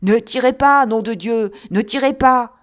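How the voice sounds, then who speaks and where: A woman voicing a delirious drunk man who yells frantically in rough slang. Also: mid-range voice, unhurried, lightly acted. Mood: terrified.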